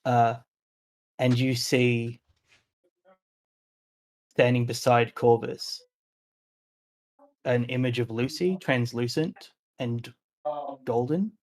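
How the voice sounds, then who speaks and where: A man narrating as game master of a tabletop role-playing session, in a measured, unhurried way with frequent filler words. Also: medium pitch, steady tone, darkish tone.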